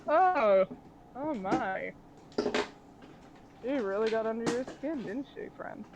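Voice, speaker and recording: A woman's voice: a little high, expressive, slow, heavy background noise. Woman playing a suave scheming man. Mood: amused. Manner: smooth, theatrical, mock-polite. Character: suave scheming man bargaining over god shards. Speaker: game master.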